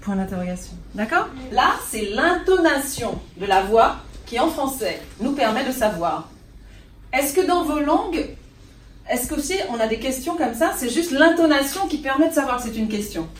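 A woman's voice: high voice, big pitch swings, moderate pace, a little hiss or hum. A woman teaching a French class, patient, and checking in with her students often. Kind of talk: classroom lesson. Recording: roomy classroom recorded from a distance.

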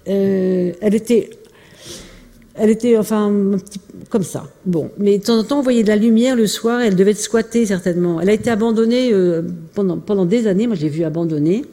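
A woman's voice: medium pitch, brisk, warm tone. A woman giving an informal illustrated talk about family archives, speaking hesitantly with many fillers and restarts. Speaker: lecturer presenting family archives. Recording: long hall reverb.

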